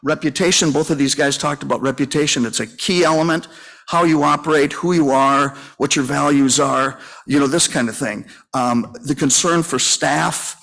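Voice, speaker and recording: A man in his sixties from Minnesota, US, speaks with a fairly high, gravelly, fairly bright voice at a moderate pace. A funeral home owner and conference speaker, he gives a folksy, rambling talk in a conference session room, telling stories full of fillers and restarts.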